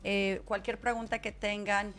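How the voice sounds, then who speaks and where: A woman's voice: mid-range voice, little pitch movement, moderate pace, fairly bright tone. A woman hosting a casual radio interview, chatty and laughing often. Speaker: radio show host.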